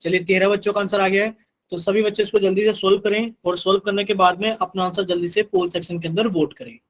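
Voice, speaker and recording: A man's voice: high-pitched, flat delivery, fast, rough recording. A man teaching a live online math class, patiently repeating instructions to his students.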